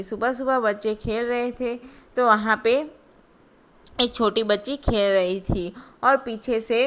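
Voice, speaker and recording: A woman's voice: medium pitch, fairly bright tone. A woman telling a love story in a casual spoken way, loose and full of fillers. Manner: loose, with many fillers and restarts. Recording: dull lo-fi recording.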